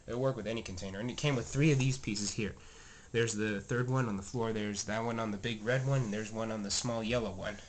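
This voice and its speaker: Brisk and barely pausing, a man with a lowish, stuffy, slightly scratchy voice narrates a casual tour of the train room in his house. His intonation stays fairly even while he rambles, corrects himself, and leans on fillers. This toy train vlogger is recorded up close on a handheld camera mic, with a faint clicking in the background.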